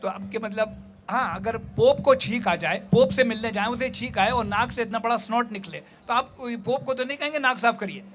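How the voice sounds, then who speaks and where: This man talks in a strikingly high voice. He lectures on a festival stage with animated asides and jokes, shifting easily between Hindi-Urdu and English. A faint hum of the venue sits behind him. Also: moderate pace. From India. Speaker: poet and festival speaker. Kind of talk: lecturing live talk. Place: festival stage before an audience.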